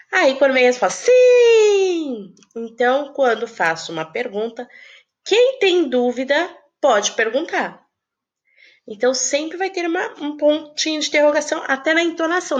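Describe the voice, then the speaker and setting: A woman teaching a recorded lesson to young children, explaining slowly and posing questions she answers herself, with affectionate terms of address. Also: a little high, a bit bright. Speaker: primary school teacher.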